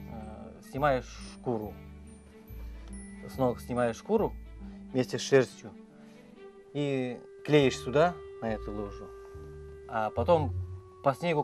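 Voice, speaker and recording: A man from Russia explaining his village home in a halting, casual way, with many fillers and repeated phrases, outdoors in the snow. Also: mid-range voice. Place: outdoors in a snowy village and in a cellar.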